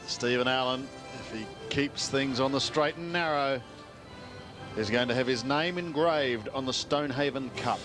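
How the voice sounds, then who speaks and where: A man's voice: medium pitch, moderate pace, over music. A man giving live golf commentary on players, putts and standings.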